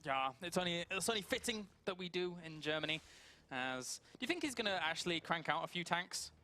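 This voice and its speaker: A man's voice: sits high, lively intonation, fairly quick, sharp tone, a little hiss or hum. A man co-casting a live strategy game match, agreeing with his partner and adding play-by-play. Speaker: esports co-caster.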